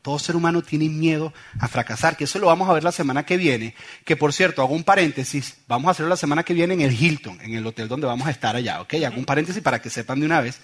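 A middle-aged pastor with a fairly high, husky voice preaches a sermon, talking fast with few pauses. He tells it animatedly, sharing funny anecdotes and acting out different voices.

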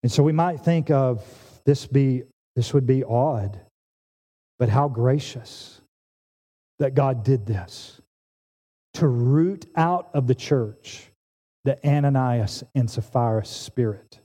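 Animated preacher in a reverberant hall. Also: male voice, mid-range voice, slow. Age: 40s. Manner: animated and emphatic, with frequent restarts. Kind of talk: sermon.

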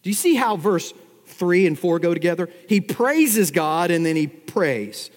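A man's voice: high-pitched, very animated, measured pace. A man preaching an expository sermon, teaching verse by verse and firing rhetorical questions at his congregation. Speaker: pastor. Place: church sanctuary. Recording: long hall reverb.

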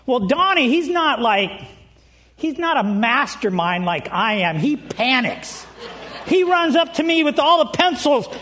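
Guy preacher with a really high voice, super animated, cracking up telling stories to the church. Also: a little slow. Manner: animated storyteller, laughing often; addresses the congregation directly. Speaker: pastor. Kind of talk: sermon opening with a humorous personal story.

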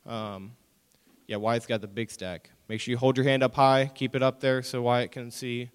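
A young man leads a youth group sermon, his smooth voice ringing with long reverb through a hall. He talks casually with the kids and acts out stories in exaggerated whiny voices. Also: mid-range voice, moderate pace. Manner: animated storytelling with mock-whiny quoted voices. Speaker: youth pastor.

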